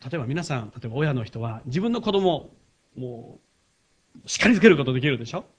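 A man preaching a sermon, firing rhetorical questions at the congregation and swinging from loud emphatic passages to soft, confiding asides. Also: medium pitch, expressive, a little fast, slightly rough.

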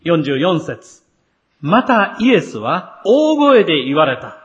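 A man preaching a sermon to his congregation in an earnest, expressive way, building to emphatic passages. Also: a little high, takes it slowly, lo-fi sound. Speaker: pastor.

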